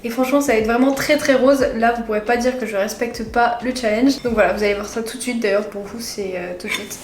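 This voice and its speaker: Eating in her home kitchen, a young woman talks casually to her viewers for a food challenge vlog, chatty and full of giggles. Her voice is a little high with fairly even intonation, and she speaks fast. Music plays behind her in an echoey room.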